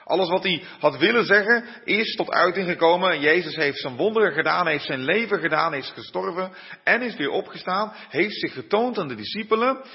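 A man's voice: sits high, animated, fairly quick, breathy edge. A man preaching a sermon in a church and reading from scripture, speaking unhurriedly with frequent hesitations. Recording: dull muffled sound in a reverberant church.

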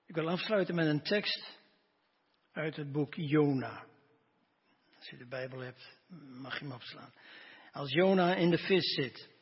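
A man preaching a sermon, reading scripture slowly and earnestly. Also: fairly high pitch, breathy edge. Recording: dull recording with long hall reverb.

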